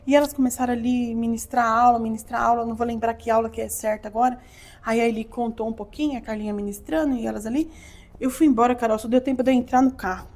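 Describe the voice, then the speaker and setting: High-voiced woman telling her faith story. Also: fast. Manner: animated storyteller, acts out her own quotes. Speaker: podcast guest. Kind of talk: emotional testimony.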